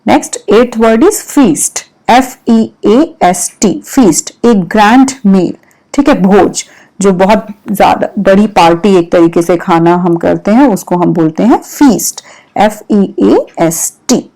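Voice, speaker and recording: An Indian woman teaching English words to young pupils at an unhurried pace. She spells each word letter by letter and explains the meaning patiently, in a voice of middle pitch. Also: warm tone, rough recording. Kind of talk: vocabulary lesson mixing English and Hindi.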